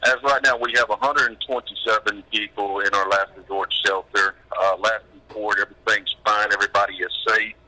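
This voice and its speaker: A man, an emergency management director, calls in by phone during a live news broadcast and gives a plain-spoken, halting official update. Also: lowish voice, fairly even intonation, pushed and bright. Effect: heard over a phone line.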